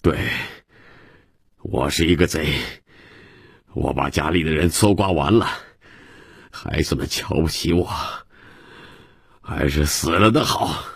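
A man's voice: extremely low pitch, slow pace, vocal fry, long pauses, breathy edge, dry recording, studio quality, full character voice. A man voicing a self-pitying drunken father who hesitates and begs his son not to despise him. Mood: self-loathing. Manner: mumbling, pleading and hesitant.

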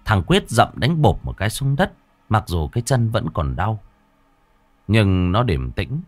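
Lively low-voiced ghost storyteller. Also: male voice, a little slow, dry recording. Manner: dramatic, expressive reading. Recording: faint background music.

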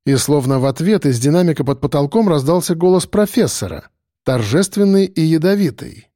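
A man narrates a thriller audiobook with expressive, dramatic delivery. His pitch swings lively and sits a bit high. The mic is close and dry. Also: fairly quick, no echo. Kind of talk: scripted narration.

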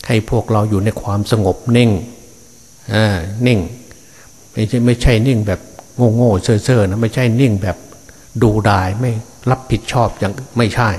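An older man, a Buddhist monk, delivers a Dharma sermon in a fairly low voice. He talks unhurriedly and in a fatherly way, often pausing on hesitant fillers. He speaks to his listeners as his children and grandchildren. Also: a little mellow.

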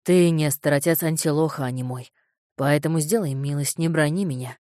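A woman's voice: sits low, moderate pace, darkish tone, no echo, clean studio sound, voice pushed down, lightly acted. A woman reading an audiobook, voicing a blunt, stern king and father. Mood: curt. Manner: blunt, curt.

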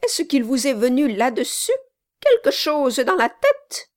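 A woman voicing a sharp, defiant, scornful spinster who takes snuff, in an audiobook reading. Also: very animated, brisk, no room sound, clean studio sound. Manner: shrill, scornful outbursts.

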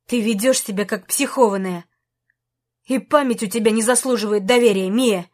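Narrator doing a frightened ex-boyfriend, whining and begging, audiobook. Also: female voice, fairly high pitch, moderate pace, darkish tone, natural voice. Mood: pleading. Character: pleading frightened young man, the ex-boyfriend.

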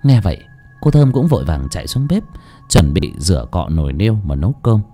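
A male storyteller reads a ghost story in a dark, mellow voice. His reading is expressive and dramatic, with a lively, swinging pitch. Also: a little fast, faint music behind. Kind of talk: scripted audiobook narration of a ghost story.

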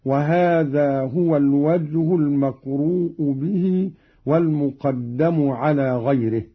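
A husky, slightly high-voiced man explains recitation variants at a very slow, deliberate pace. He breaks into melodic chanting for each example verse. The recording is dull and lo-fi. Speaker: Quran reading teacher.

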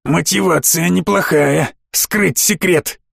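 Мужчина в роли сурового командора флота. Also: male voice, fairly high pitch, slow, vocal fry, a bit bright, slightly rough, no echo, clean studio sound, exaggerated voice. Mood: calculating. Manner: curt barked orders. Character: stern gruff male space fleet commander.

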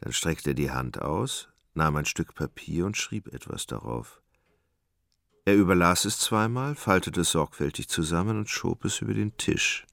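A male narrator with an extremely low, gravelly, creaky voice delivers literary radio drama gravely and with measure, yet animated, at a moderate pace and a bit bright. The recording is very dry with no echo.

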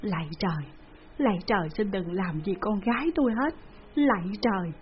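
A desperate middle-aged peasant father, as a woman reading the tale puts him on, wailing and pleading. His voice sits mid-pitch and comes through a dull, lo-fi recording. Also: lively intonation, normal speed, slight background noise, close to an everyday voice. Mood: anguished.

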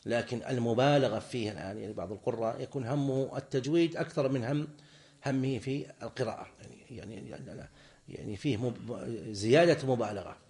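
A man's voice: mid-range voice, darkish tone. A man teaching a classical legal text, explaining term by term and repeating key phrases as he goes. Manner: explains slowly, repeats phrases, demonstrates recitation. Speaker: sheikh teaching a fiqh book.

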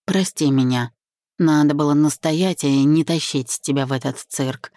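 A woman's voice: low-pitched, normal speed, dark tone, dry recording, clean studio sound, natural voice. A woman reading an audiobook voices a young husband, tender with his wife and stern toward his rival. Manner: hoarse, firm.

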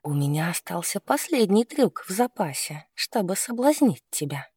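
A man voicing a playful, teasing young woman in an audiobook, in a soft murmuring manner. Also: sits high, big pitch swings, unhurried, breathy edge, no room sound, clean studio sound, pitched above the performer's own voice, full character voice. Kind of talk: audiobook character voice.

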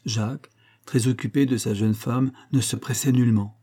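Mellow male storyteller. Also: medium pitch, fairly even intonation, normal speed, slightly rough. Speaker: reader. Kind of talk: scripted narration of a classic tale.

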